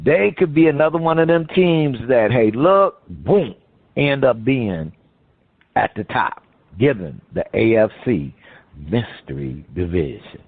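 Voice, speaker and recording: Casting: male sports-talk co-host, folksy, stop-start, animated swings in pitch, tinny dry phone line. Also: husky, no echo. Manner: halting, lots of "uh" fillers, folksy phrasing.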